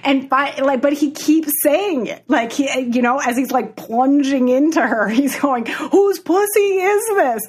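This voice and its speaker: A woman co-hosting a podcast, telling a story in a casual, animated way and laughing often. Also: high-pitched, measured pace, hardly any pauses, husky. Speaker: podcast co-host. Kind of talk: casual chat.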